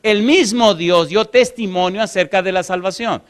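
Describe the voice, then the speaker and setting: A man preaching a sermon as pastor, firing questions at his congregation and reading scripture slowly and deliberately. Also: high voice.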